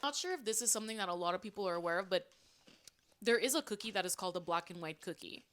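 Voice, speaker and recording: A woman's voice: medium pitch, quick pace, fairly bright tone. A young woman co-hosting a podcast, chatting casually and eagerly about snacks, with lots of "like" fillers. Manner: chatty, enthusiastic snack talk with many "like" fillers. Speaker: podcast co-host. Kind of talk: casual chat.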